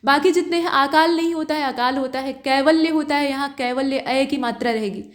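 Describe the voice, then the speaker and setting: High-voiced woman tutoring in an echoey room. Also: steady tone, brisk. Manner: patient, explanatory, asks rhetorical questions. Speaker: Hindi exam tutor. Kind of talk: explaining test questions.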